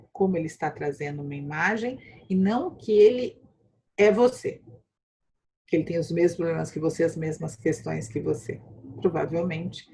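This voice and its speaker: A middle-aged woman with a Brazilian Portuguese accent, a law professor giving a playful, animated online lecture over a video call. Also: breathy edge. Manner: playful, animated, acts out quotes with big pitch jumps. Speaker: law school professor and mentor.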